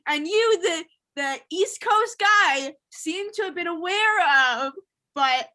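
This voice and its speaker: An angry, accusing mother who keeps getting emotional, improvised by a woman. Her voice sits high and bright and comes through a video call. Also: exaggerated voice, rough recording. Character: angry grieving New Jersey mother, woman. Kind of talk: improvised comedy role-play.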